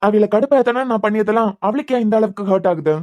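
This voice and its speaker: A hot-tempered young man, voiced by a woman, argues at a rapid clip in a Kanyakumari Tamil accent. His scolding, argumentative manner suits a homemade cartoon serial. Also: mid-range voice, a little mellow, muffled recording, natural voice. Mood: brooding. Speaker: voice artist.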